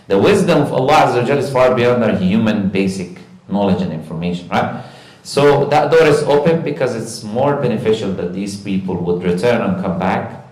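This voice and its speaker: Man, lowish voice, earnest animated storytelling, echoey room. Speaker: guest recounting a live stream encounter. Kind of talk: conversational religious talk. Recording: roomy echo.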